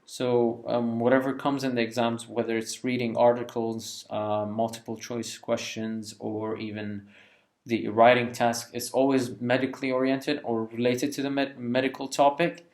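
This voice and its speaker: Speaking at a normal speed with a flat, darkish, medium-pitched voice, this Iraqi man in his twenties is a junior doctor. He gives relaxed interview answers, candid and friendly, with light laughter.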